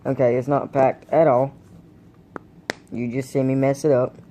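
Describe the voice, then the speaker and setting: Slow-talking man with hiccups. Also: mid-range voice, level tone, background noise. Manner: laid-back, rambling, addresses viewers as guys. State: has the hiccups. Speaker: vlogger reviewing dip tobacco. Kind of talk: casual vlog chat. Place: indoors at home, camera propped on a blanket.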